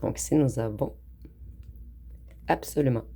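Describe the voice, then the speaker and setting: Lady doing a tarot reading, gravelly and mellow, calm and slow, talks right at you. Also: very deep voice. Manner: calm, unhurried, addresses the viewer directly. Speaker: tarot reader. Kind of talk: tarot card reading to camera.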